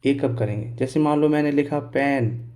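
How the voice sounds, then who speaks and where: A male teacher explaining pronunciation step by step, asking questions and answering them himself, repeating key words slowly and spelling out letters. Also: mid-range voice, a little mellow. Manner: clears his throat now and then. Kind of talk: Hindi lesson on English pronunciation.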